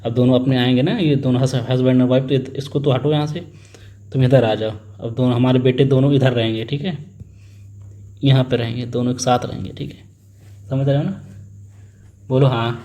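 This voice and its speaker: Speaking a little fast yet with long pauses, a young maths teacher uses a dark, medium-pitched voice with fairly even intonation. Preparing students for an exam, he calculates aloud, repeats numbers, urges them to respond, and plays family members in a short story.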